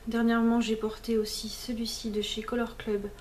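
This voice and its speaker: A woman's voice: fairly high pitch, little pitch movement, normal speed, darkish tone, slight background noise. Chatty woman vlogging at home. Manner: chatty, many fillers and restarts, mixes in English words. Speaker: beauty vlogger. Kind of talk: casual chat to camera.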